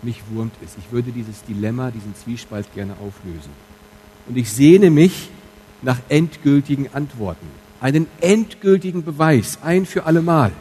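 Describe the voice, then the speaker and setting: A man preaching a sermon as pastor in church, speaking candidly and directly to his congregation, moving between quiet asides and loud emphatic stresses. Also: mid-range voice, moderate pace, husky, poor audio.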